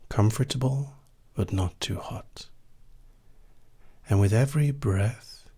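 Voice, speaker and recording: A man leading a relaxation hypnosis induction in a soft, intimate voice right in your ear, soothing and often dropping to a whisper. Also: on the low side, husky. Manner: slow, soothing, with long pauses. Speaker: hypnosis session host.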